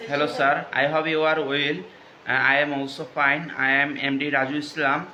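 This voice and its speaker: A young man from Bangladesh with a Bangladeshi accent, introducing himself loudly and hesitantly as a student applicant. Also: fairly high pitch, flat delivery, normal speed. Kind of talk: self-introduction video.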